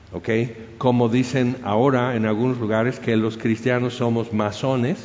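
A man preaching, telling a martyr's story in an animated way, with many fillers and acted-out crowd shouts. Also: medium pitch. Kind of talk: sermon storytelling. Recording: dull sound in a reverberant hall.

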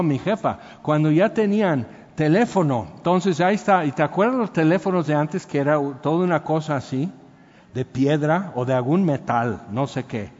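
A Mexican man preaching a sermon, lively and joking as he acts out everyday scenes. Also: fairly high pitch. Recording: dull audio with long hall reverb.

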